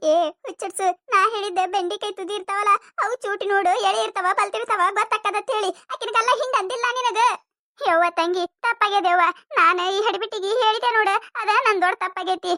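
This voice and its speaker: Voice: steady tone, brisk, sharp tone, dry recording, studio quality, heavily acted. A voice actor playing a scolding older village mother-in-law with a North Karnataka accent in a cartoon comedy. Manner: scolding, nagging, shrill.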